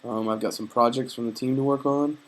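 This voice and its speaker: Brisk and steady, this medium-pitched man's voice belongs to a young vlogger recording a casual personal video diary. He's homesick and speaks hesitantly and reflectively, with many fillers and restarts, in an earnest, faith-minded manner.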